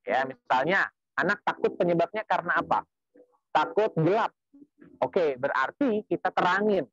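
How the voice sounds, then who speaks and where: A man with a fairly high voice lectures at a parenting seminar, explaining step by step and dotting his points with little tag asides and pious phrases. The sound is dull and lo-fi, dry and close, with faint music underneath. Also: expressive, moderate pace, sharp tone, no echo.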